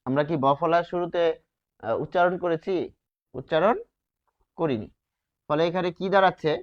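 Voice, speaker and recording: A man teaching a grammar lesson, posing rhetorical questions and answering them, stretching key words slowly. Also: on the high side. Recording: dull lo-fi sound.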